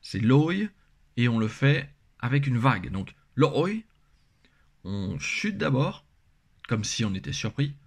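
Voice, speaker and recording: Slow, patient, husky-voiced male teacher. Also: medium pitch, big pitch swings. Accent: French. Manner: slow, patient, repeats and models each word. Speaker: language teacher. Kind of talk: explaining pronunciation lesson.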